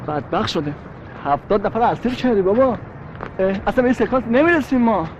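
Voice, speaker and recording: A man's voice: sits high, lively intonation, dull audio, background noise. A man voicing a fussy, harried male film crew assistant in a cartoon, complaining and fussing as he works.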